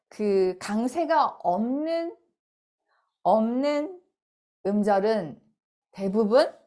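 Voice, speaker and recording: A middle-aged woman with a medium-pitched voice teaches phonics casually, explaining slowly and saying sounds aloud repeatedly to model them.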